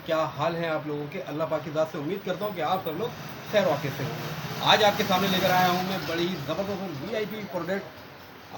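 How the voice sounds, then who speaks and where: Fast, high-pitched Pakistani hard-sell salesman. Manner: emphatic, repetitive salesman patter. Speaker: online store presenter. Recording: clearly noisy background.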